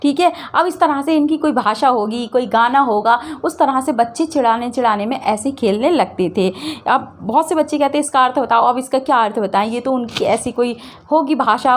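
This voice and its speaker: A woman teacher with a high voice leads a Hindi class revision lesson, retelling the story plainly. She repeats her phrases and keeps asking her students questions as she explains.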